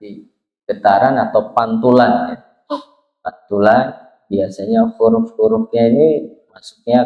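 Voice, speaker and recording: Slow, patient man teaching Quran pronunciation. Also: fairly low pitch. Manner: slow and patient, demonstrating letter sounds and drawing out recitations. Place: small prayer room. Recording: roomy, dull lo-fi sound.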